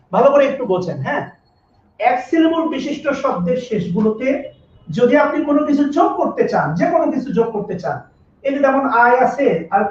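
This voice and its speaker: High-voiced man teaching grammar in an echoey room. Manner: repetitive, drills rules and asks students to comment. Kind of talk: live online class. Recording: echoey room, distant mic, dull lo-fi sound.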